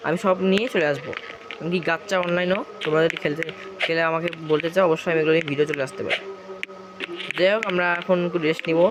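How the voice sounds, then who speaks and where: Hoarse bangladeshi guy rambling thru gameplay, talks fast, lots of traffic noise behind. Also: fairly high pitch. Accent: Bangladeshi Bengali. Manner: rambling, chatty, keeps circling back with the same filler. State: hoarse from a cough. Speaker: gaming YouTuber. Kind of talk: casual gameplay commentary.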